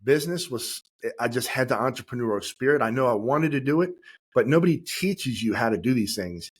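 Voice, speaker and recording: Regular-pitched guy hosting a podcast, ex cop, rambles into his questions. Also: lively intonation, a little fast, slightly rough. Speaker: podcast host and former police officer. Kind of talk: casual interview chat.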